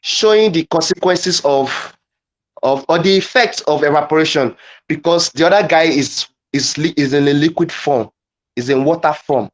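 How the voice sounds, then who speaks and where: A man leading a live online teaching demo, halting and repeating phrases as he dictates wording. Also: a little high. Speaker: guest presenter.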